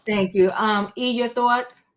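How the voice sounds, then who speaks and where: A woman's voice: a little high, steady tone, takes it slowly. A woman hosting a casual panel discussion. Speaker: host.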